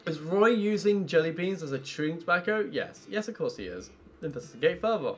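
A man's voice: fairly high pitch, lively intonation, a little fast, soft background music. A man with a British accent livestreaming a game, chatting informally with swearing and reading game text aloud. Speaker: game streamer. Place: indoor streaming room. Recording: livestream with background noise.

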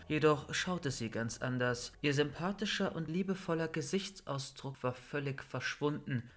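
Man, horror story narrator, calm steady delivery, mid-pitched voice.

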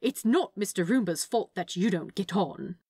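In a storybook reading of fan fiction, a woman voices a prim, doting male angel who is fussy and polite, cooing and tutting in a prim, scolding mood. Her mid-range voice is animated, mellow and slightly rough at a moderate pace, with a clean studio sound and no echo.

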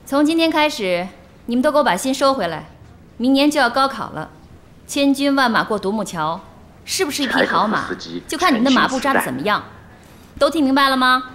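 An actress playing a strict high school teacher who sternly lectures her class in a TV drama. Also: very animated, brisk, a bit bright, slight background noise. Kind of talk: TV drama acting.

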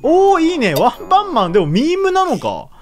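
A woman giving casual let's-play commentary, chatty and excitable, laughing often as she reacts. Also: sits high, a little fast, faint music behind. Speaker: gaming YouTuber.

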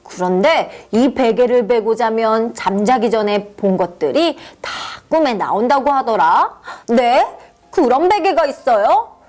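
Woman putting on a dad voice, lower, kind, teasing, unhurried. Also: animated, darkish tone, faint music behind. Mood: playful. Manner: teasing, explaining. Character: kind, playful storybook dad.

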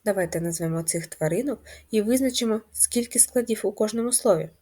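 Breathy woman teaching young children. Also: mid-range voice, brisk, dark tone. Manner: patient and clear, stretching words into syllables. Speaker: primary school teacher. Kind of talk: first-grade reading lesson.

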